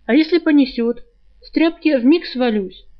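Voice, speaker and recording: A cautious, blunt young village girl from a storybook, as a woman reading it aloud puts her on. The voice sits a little high. The sound is dull and lo-fi. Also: normal speed, close to an everyday voice. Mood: wary.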